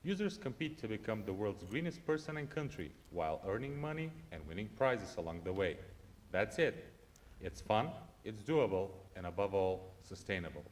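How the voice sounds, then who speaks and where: A man's voice: fairly low pitch, very animated, moderate pace. A man from Bulgaria, an entrepreneur, reading a scripted promo voice-over in an earnest, declarative way. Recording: reverberant video soundtrack.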